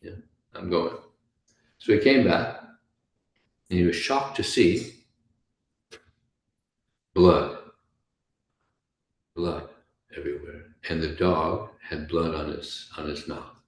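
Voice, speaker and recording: A deep-voiced man with a gravelly edge gives a relaxed scripture class, telling stories and laughing softly as he goes. His talk echoes through a roomy space. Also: slow, pauses often. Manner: chatty storytelling with frequent soft laughs. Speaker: devotional class speaker.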